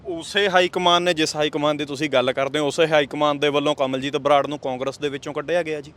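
A man's voice: a little high, fairly even intonation, quick pace, a bit bright. A man interviewing a candidate, asking pointed questions in a formal, respectful tone. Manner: formal, respectful address, frequent murmured backchannels.

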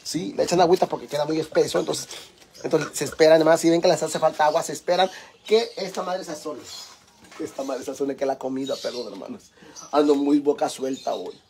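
Mexican man, campy cooking streamer, high voice, teasing and crude with viewers. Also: fairly quick, a little mellow, slight background noise. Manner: campy, teasing, foul-mouthed banter with viewers. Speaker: livestream cooking host. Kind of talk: casual cooking livestream chat.

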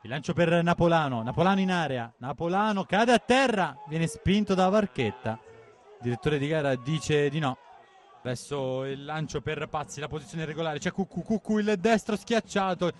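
Male match commentator, higher-pitched, breathless and urgent, firing out excited play-by-play with repeated names. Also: moderate pace, some chatter behind.

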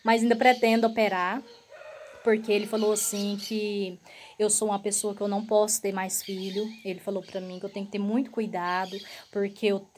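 A woman's voice: mid-range voice, slight background noise. A woman vlogger telling her own story earnestly to her viewers, often turning to address them directly. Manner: relaxed, repetitive phrasing.

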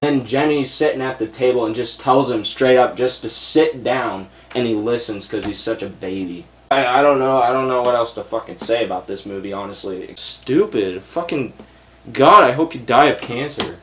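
A man's voice: medium pitch, moderate pace, roomy sound. A young man reviewing a movie in a blunt, profane, exasperated rant, seated at a desk in a small room full of shelves. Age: young adult.

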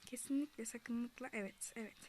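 Talking a little fast in a slightly high, somewhat mellow voice, a young woman chats through her gameplay for her gaming channel. The commentary is casual, often hushed to whispers, with yelps when she gets chased.

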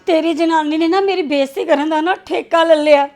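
A woman's voice: very high voice, steady tone, brisk, a little mellow. A woman playing a hurt married daughter in a family drama, crying and complaining. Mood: aggrieved. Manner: complaining, aggrieved.

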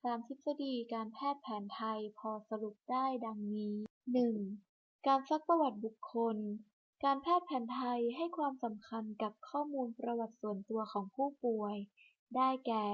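A woman reading a scripted hospital clinic announcement over a public address system, in a measured, list-by-list delivery. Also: a little high. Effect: broadcast over a hospital public address system. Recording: muffled lo-fi loudspeaker broadcast.

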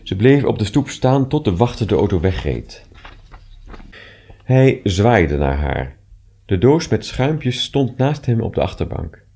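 A man reading short stories aloud with expressive, measured narration. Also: lowish voice, gravelly, slightly rough. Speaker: reader.

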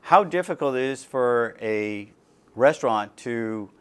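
A middle-aged man hosts a studio interview, his voice smooth and resonant through a lapel mic. He asks long, well-built questions at a moderate pitch in a small TV studio. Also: lively intonation, a little slow. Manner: gestures with both hands, long detailed questions. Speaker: talk show host. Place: small TV studio with dark curtains.

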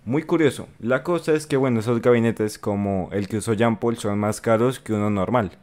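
This young reaction streamer with a Colombian accent speaks at normal speed in a fairly low, darkish voice. He chats and jokes while reacting to a video for viewers, right up against a studio mic on an arm in his bedroom.

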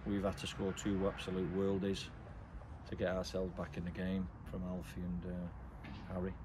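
A middle-aged English man, a football manager, giving a blunt, measured post-match interview outdoors at night, with frequent ums. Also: low-pitched, monotone. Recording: outdoor noise behind.

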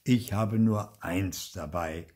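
A man's voice: medium pitch, sing-song, slow, mellow, voice pushed up. An older man voicing a charming, sly grandfather who winks at a cashier. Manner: charming, winking.

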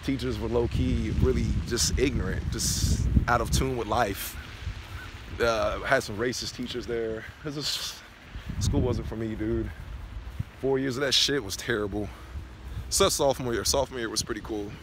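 A young adult man from Knoxville, Tennessee, with a mid-range voice, steady tone and normal speed, vlogs outdoors on a college campus. He rambles loosely and swears freely in a casual rant into a phone camera held at arm's length. The outdoor phone audio carries clear background noise.

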